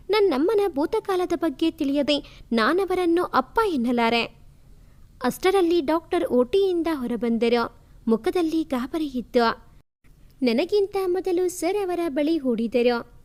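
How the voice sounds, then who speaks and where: A woman's voice: sits high, a little mellow. A woman storyteller reading a first-person family drama aloud, in a heartfelt, dramatic manner.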